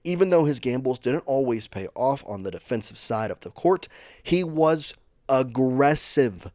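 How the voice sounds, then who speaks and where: A man hosts a sports news channel and talks to his viewers in a loose, opinionated way. His voice sits at a middle pitch and rushes ahead in quick bursts. The recording is dry and close, with no room sound. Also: sing-song, mellow, no room sound. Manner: chatty, opinionated, speeds up in bursts. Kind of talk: casual sports commentary vlog.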